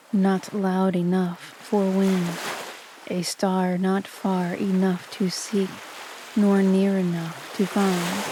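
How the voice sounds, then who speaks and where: A woman narrating poetry in a soft, calm and even voice, reading to help listeners fall asleep. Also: mid-range voice, noisy background. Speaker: sleep story narrator. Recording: voice over a loud ambient ocean bed. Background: ocean ambience.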